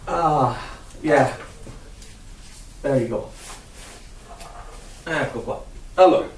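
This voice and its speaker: A man's voice: fairly high pitch, takes it slowly, a little hiss or hum. A man teaching a one-on-one music lesson, patient, repeating himself and counting out rhythms. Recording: roomy sound from a distant mic.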